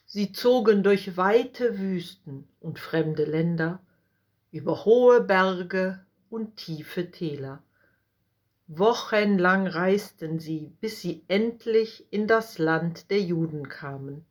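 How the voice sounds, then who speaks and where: A woman reading a storybook aloud in a gentle, measured narration. Her voice is fairly low, and she takes her time over every sentence. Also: lively intonation.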